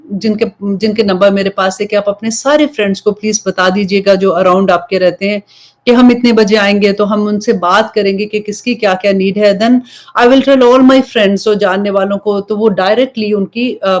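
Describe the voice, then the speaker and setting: A young woman from Pakistan giving an informal religious talk, telling a story in a chatty way and slipping English phrases in between. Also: mid-range voice. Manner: conversational storytelling, switching between Urdu and English. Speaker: Islamic preacher.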